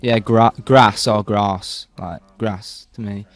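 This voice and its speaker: Speaking slowly in a steady, lowish voice with no echo, a young Yorkshireman chats in a relaxed interview. The university student, who ran in the torch relay, laughs readily and leans on plenty of fillers.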